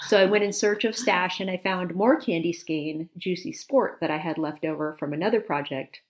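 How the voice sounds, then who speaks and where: Speaking at a moderate pace in a fairly low-pitched voice, this knitting podcast co-host chats casually and eagerly about knitting, going into detail while sniffling slightly.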